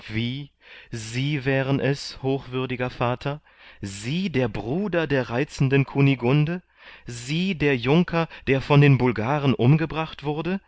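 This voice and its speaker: A man's voice: fairly low pitch, slow, darkish tone, dry recording. A man reading an audiobook voices a naive young man who exclaims in breathless, tumbling questions. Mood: overjoyed. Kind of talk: audiobook reading of a classic novel.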